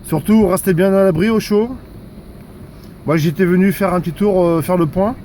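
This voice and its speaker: Out in a storm, a man who volunteers in civil security and operates amateur radio offers relaxed commentary, hesitating and frequently saying things twice. He speaks at a moderate pace in a high, darkish voice with fairly even intonation. Faint wind and outdoor gusts can be heard.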